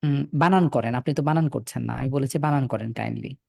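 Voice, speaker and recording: Firm Quran teacher man, gravelly and dark. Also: medium pitch, dry recording, clean studio sound. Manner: patient but firm, spells letters slowly and repeats. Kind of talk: online class, correcting students. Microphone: video call.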